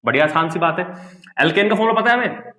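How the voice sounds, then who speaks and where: Animated man teaching chemistry, echoey room. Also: quick pace. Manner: animated, mimics students in a lower voice, repeats rhetorical questions. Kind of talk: classroom-style lecture.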